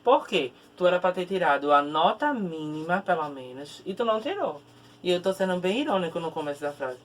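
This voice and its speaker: A man's voice: sits high, very animated, fairly quick. A man teaching a recorded grammar lesson, explaining step by step and ending phrases with tag questions. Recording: distant mic with faint background noise.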